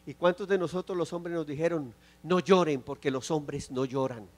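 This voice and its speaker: A man with a notably high voice preaches a sermon to his congregation. He talks with passion, repeats his phrases, and moves between loud calls and quiet, low pleading. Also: normal speed. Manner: impassioned preaching with repetitions, shifting from loud exclamations to soft low pleas. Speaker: pastor. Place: church.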